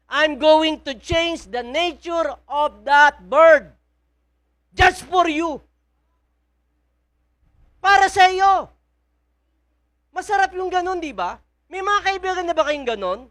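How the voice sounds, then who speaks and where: A woman's voice: very high-pitched, slow, long pauses, fairly bright tone. A woman with a Filipino accent preaching a sermon in a church, often asking the congregation questions. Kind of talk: sermon mixing Tagalog and English.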